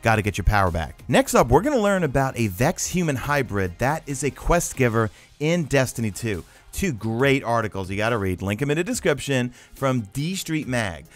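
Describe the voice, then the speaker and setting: Male gaming video host, conversational and animated, reads and explains articles with music underneath. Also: mid-range voice, moderate pace. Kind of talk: casual commentary, reading out and breaking down articles. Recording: voice-over with background music. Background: background music.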